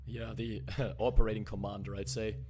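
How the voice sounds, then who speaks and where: A man's voice: lowish voice, flat delivery, normal speed. A man hosting a livestream, casually interviewing a guest. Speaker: livestream host. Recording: music clearly playing behind the voice. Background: music.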